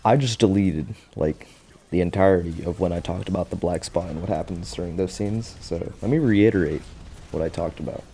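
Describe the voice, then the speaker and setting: A young man with a deep, low voice talks through a show recap in a casual vlog. He is slangy and profane and keeps breaking into laughter. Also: fairly quick, warm tone, a little hiss or hum. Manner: slangy, swearing, laughs a lot.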